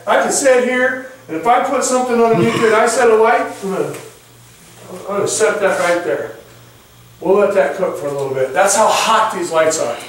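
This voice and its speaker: High-voiced folksy man in an echoey room. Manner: folksy, repeats "okay?" to check in; reads out numbers like an auctioneer. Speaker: product presenter. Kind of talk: live product demonstration. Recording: echoey room, mic far off.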